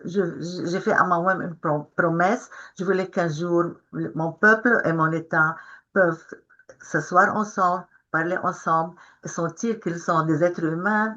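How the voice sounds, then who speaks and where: A woman's voice: lowish voice, a bit bright, lo-fi sound. An older woman from Israel speaking as a panelist, often stopping and starting again as she searches for her words. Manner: halting, searching for words, many restarts. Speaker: panelist, peace activist. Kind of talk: webinar talk, first recited then spoken freely. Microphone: video call.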